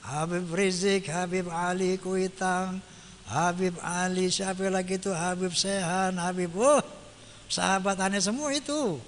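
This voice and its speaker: Guy preaching a sermon, pretty high voice, asks stuff then answers it, big echoey hall. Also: fairly even intonation, slow pace, pauses often, a little hiss or hum. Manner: asks rhetorical questions and answers them himself; chants Arabic verses then translates them. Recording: long hall reverb.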